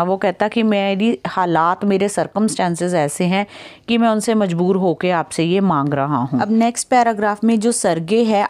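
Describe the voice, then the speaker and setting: Woman English teacher, bilingual Hindi-English exam-prep lesson, reads lines slowly, explains patiently, checks in often. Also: mid-range voice, darkish tone. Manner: checks in with listeners often ("theek hai").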